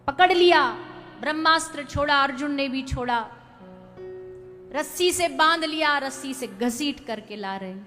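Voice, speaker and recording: High, bright-voiced woman preaching a story. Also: animated, measured pace, big-room sound, soft background music. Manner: dramatic, swells loud for emphasis, chants verses. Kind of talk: devotional scripture storytelling.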